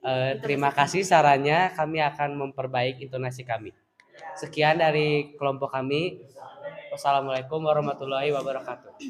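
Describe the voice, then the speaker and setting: A man's voice: medium pitch, steady tone, fairly quick. A man student presenting to a class, polite and formal as he closes and takes feedback.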